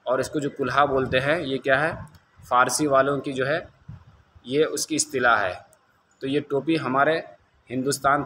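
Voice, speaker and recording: A man teaching a Quran reading lesson to viewers. He asks his own questions, answers them, and stretches the letter sounds slowly. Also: medium pitch, bright, forceful tone, slight background noise.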